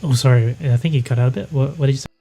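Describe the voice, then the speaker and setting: A man's voice: medium pitch, very fast, dark tone, husky, faint music behind. Brief: male game master, plain middle voice, hesitant narration over a call. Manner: hesitant, many fillers.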